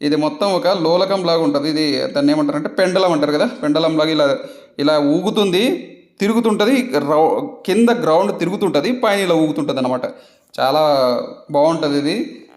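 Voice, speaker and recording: A man's voice: a little high, normal speed. A man vlogger chatting casually in a voice-over, laughing often and repeating himself. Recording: roomy echo.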